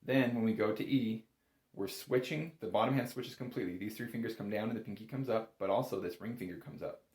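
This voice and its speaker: A bagpipe instructor, a man with a lowish, slightly mellow voice, talks fairly quickly in an echoey room. He walks through a music lesson step by step in a casual, informal way, keeping things reassuring and encouraging.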